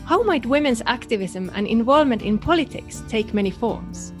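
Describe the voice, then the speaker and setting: A woman from Finland, a researcher co-hosting a podcast, reading in a calm, explanatory way. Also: a little high, moderate pace, soft background music. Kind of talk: scripted podcast narration.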